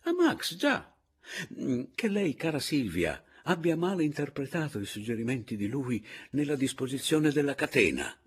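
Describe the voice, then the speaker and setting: A man voicing an agitated elderly gentleman spiritualist, fussy and insistent. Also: medium pitch, sing-song, moderate pace, slightly rough, pitched above the performer's own voice.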